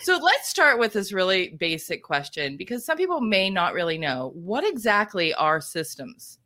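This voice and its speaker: A woman's voice: medium pitch, big pitch swings, normal speed, sharp tone. A woman from Ohio hosting a podcast interview, upbeat and conversational, laughing often with her guest. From Ohio, USA. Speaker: podcast host.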